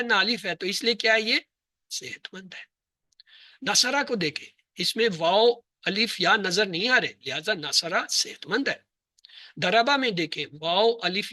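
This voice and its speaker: Bright-voiced male Arabic grammar teacher. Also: high voice, dry recording. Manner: explains by asking the class questions and answering them himself; slow, spelled-out listing of letters and words. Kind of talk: classroom lesson.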